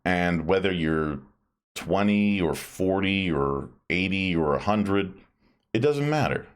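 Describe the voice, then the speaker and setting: A man's voice: low voice, expressive, slow pace. A man chatting casually and in a rambling way as a live streamer. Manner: rambling, self-described grumpy old man.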